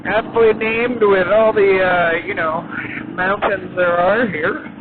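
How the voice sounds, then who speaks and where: A man talking from inside a helmet as he rides, giving casual motovlog commentary in a halting, unhurried way with many pauses. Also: high voice, fairly even intonation. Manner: halting, unhurried, pausing often. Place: inside a helmet, riding a motorcycle on the highway. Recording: muffled inside helmet, motorcycle wind noise. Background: motorcycle engine and road wind, loud.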